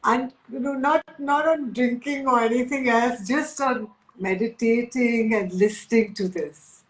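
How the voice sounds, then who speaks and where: Echoey, higher-pitched Indian woman, enthusiastic. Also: unhurried. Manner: enthusiastic, echoing key phrases. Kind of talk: spiritual talk to an audience. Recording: echoey room.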